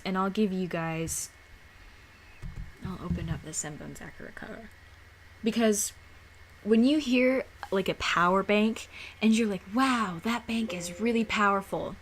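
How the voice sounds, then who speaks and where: A woman's voice: lowish voice, a little hiss or hum. A woman giving a casual tutorial, rambling and often restarting or repeating her words. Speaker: tutorial maker. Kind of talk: casual screen-recorded tutorial.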